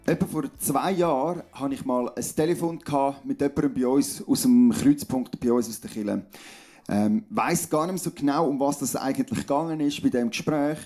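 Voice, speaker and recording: A male pastor with a Swiss German accent preaching a sermon, telling a personal story in a calm, conversational way. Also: mid-range voice, normal speed.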